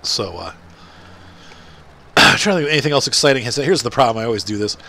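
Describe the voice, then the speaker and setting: Here a middle-aged man with a stuffy nose plays a farming game for his channel, talking fast in an expressive, mid-range voice that's bright and forceful, with vocal fry. His casual gameplay chat rambles and is packed with fillers.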